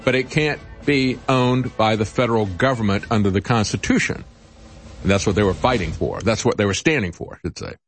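A man's voice: lowish voice, brisk, soft background music. A man delivering political commentary in an earnest, emphatic, oratorical way.

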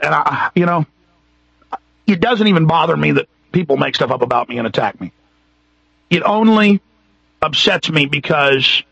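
On his radio talk show, a Texan man with a high-leaning, creaky, husky, slightly bright voice launches into an impassioned monologue. He hammers home the same points repeatedly, his emphasis building as he goes. The broadcast comes through muffled, without room sound.

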